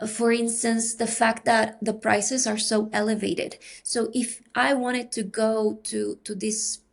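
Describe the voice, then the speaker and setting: A woman from Peru, explaining her academic research in a measured, thinking-aloud way as a podcast interview guest. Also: fairly high pitch, flat delivery, vocal fry.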